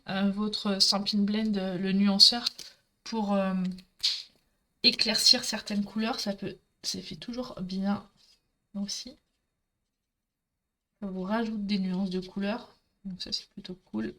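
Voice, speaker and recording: A woman's voice: medium pitch, steady tone, slow, pauses often, pushed and bright, slight background noise. A middle-aged woman with a Marseille accent, chatting with viewers while she demonstrates a craft project live. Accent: Marseille French. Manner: chatty, talkative, addresses viewers directly.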